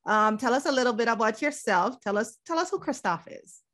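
A woman hosts a podcast, welcoming and interviewing her guest in an effusive, gushing way. Her fairly high voice is a bit bright, brisk, and lively in intonation, with frequent "um" and "so."

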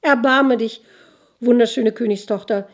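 A woman's voice: mid-range voice, measured pace, dark tone, lightly acted. A woman reading aloud voices a young male soldier who pleads and laments. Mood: pleading.

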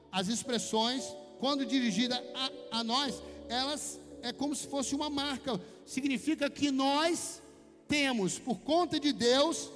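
Brazilian male preacher, unusually high voice, anecdotal and talkative, echoing church hall. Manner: chatty storytelling, addresses listeners as brother. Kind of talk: conversational sermon with personal anecdotes. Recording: long hall reverb with faint music.

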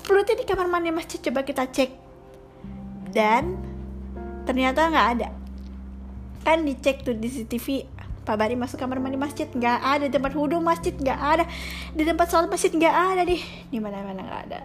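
High-voiced chatty woman storyteller. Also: brisk, long pauses, soft background music. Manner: chatty, with fillers and asides. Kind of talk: casual storytelling.

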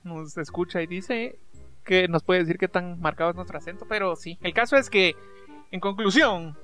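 A man's voice: sits high, moderate pace, fairly bright tone. Guatemalan man, podcast co-host, rambling casual banter, faint music behind. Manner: rambling, self-interrupting, joking. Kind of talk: casual chat.

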